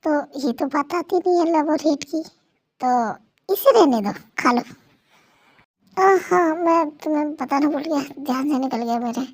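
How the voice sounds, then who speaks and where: A woman's voice: high voice, unhurried. A woman voicing a scornful young man who keeps his wife captive, in an amateur fan dub. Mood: flat dismissive. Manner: taunting, scornful.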